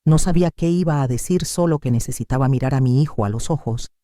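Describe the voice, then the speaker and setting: A woman's voice: a bass voice, quick pace, dark tone, no room sound, studio quality. An older woman, telling a sorrowful first-person story as scripted narration.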